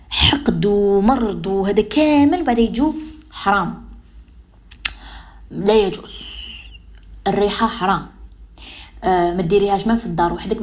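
A woman radio host with an Algerian Arabic accent giving an emphatic, repetitive, admonishing advice monologue. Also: mid-range voice. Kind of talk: advice monologue on social behavior.

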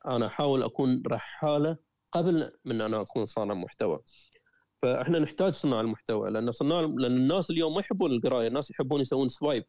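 A man with a Gulf Arabic accent speaks briskly and eagerly as a guest, often breaking off and restarting his sentences. His voice is mellow and dark in tone. He is recorded close to the mic with a dry sound. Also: medium pitch, no echo. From Qatar. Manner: lively storyteller, frequent self-corrections and restarts. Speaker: guest, traveler and writer. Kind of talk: conversational interview.

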